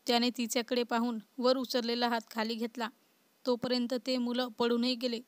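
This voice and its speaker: A woman narrating a love story in an even, unhurried reading voice. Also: fairly high pitch, no echo.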